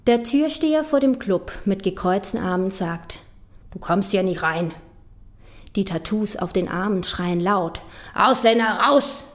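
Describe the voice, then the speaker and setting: Danish-accented female slam poet, unhurried, ironic rhyming delivery with whispered asides. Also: medium pitch, darkish tone. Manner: rhythmic rhyming delivery with ironic, mocking emphasis; drops into whispers for secretive lines. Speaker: spoken-word poet. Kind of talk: performed slam poetry.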